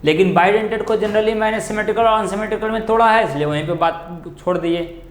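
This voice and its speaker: A man's voice: high-pitched, quick pace, roomy sound. A man teaching a chemistry lesson, asking questions and answering them himself, stretching out key terms. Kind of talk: classroom lecture on coordination compounds.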